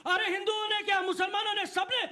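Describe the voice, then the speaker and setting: A party spokesman in a heated TV debate, loud and accusing, talking over the others. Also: extremely high pitch, quick pace.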